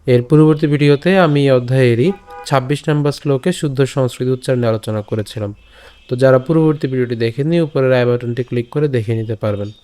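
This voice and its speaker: A man leading a step-by-step pronunciation lesson, patiently repeating each syllable and chanting the verse lines slowly. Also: medium pitch, dark tone, a little hiss or hum. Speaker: scripture pronunciation teacher.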